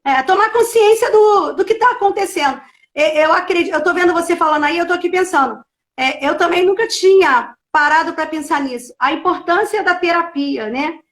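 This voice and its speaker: A middle-aged woman pastor, sharing a heartfelt personal testimony in a casual chat and at times rising almost to a shout. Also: extremely high pitch, brisk. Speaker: pastor hosting a live show.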